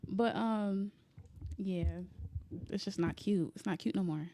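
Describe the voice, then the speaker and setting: A woman's voice: medium pitch, slow, creaky, warm tone. A twenty-year-old woman, a podcast guest, speaking bluntly and emphatically.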